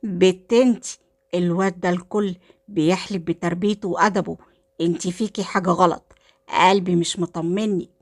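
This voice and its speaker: A woman's voice: medium pitch, brisk, dry recording, studio quality, natural voice. A woman voicing a fussy middle-aged mother with an Egyptian accent, sweet-talking and watchful. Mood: suspicious. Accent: Egyptian Arabic. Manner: sweet-talking, then suspicious.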